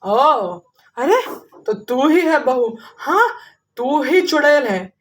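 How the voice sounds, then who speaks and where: A woman voicing a stern male tantric exorcist who gives gruff commands. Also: high voice, lively intonation, takes it slowly, slight background noise. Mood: commanding.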